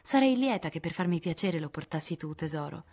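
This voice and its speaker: A woman's voice: sits low, animated, a little fast, darkish tone, husky, exaggerated voice. A woman reading an audiobook, voicing an affected young society woman who speaks sweetly and condescendingly. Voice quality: sweet, gushing.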